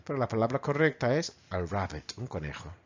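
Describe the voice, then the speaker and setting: A man with a Spanish accent from Spain teaching English vocabulary to children, repeating words slowly and mimicking animal sounds. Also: on the low side, very animated, dull audio. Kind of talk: bilingual vocabulary lesson.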